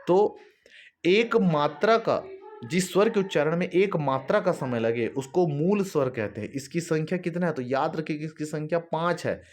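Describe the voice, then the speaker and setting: A man's voice: on the high side, moderate pace. A man teaching an exam-prep grammar lesson, asking questions and answering them himself, checking in often with his students. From Chhattisgarh. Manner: explanatory, repetitive, asks and answers own questions; addresses students directly with fillers like "है ना".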